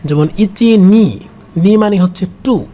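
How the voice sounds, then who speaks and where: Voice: mid-range voice, slow pace, warm tone. A language teacher explaining kanji in a patient way, repeating each word several times.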